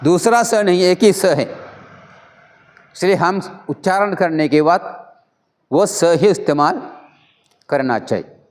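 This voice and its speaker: A man's voice: high-pitched, animated, takes it slowly, pauses often. A man, a Buddhist monk, giving a Pali pronunciation lesson and patiently repeating and correcting each word.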